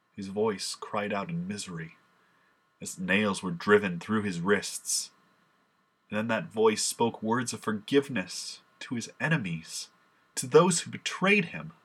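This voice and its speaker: A man's voice: fairly low pitch, a bit bright, slightly rough, exaggerated voice. A man performing a solemn, impassioned first-person monologue as a grieving, remorseful apostle.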